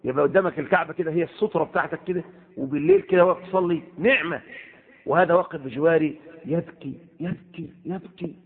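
A man preaching a sermon with an Egyptian Arabic accent, impassioned, switching between loud exclamations and hushed asides. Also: fairly high pitch, racing. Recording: tinny phone-like audio.

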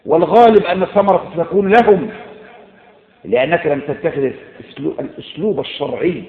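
A man with an Egyptian Arabic accent preaching a sermon, emphatic and repetitive, swinging between loud exhortation and low, intense tones. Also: fairly quick. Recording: echoey, phone-like lo-fi recording.

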